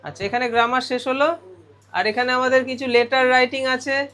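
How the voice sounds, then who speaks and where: A man's voice: very high voice, steady tone, a little fast, pushed and bright. A male teacher going through a grammar lesson step by step, often putting questions to his students. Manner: explains step by step, asks the class questions.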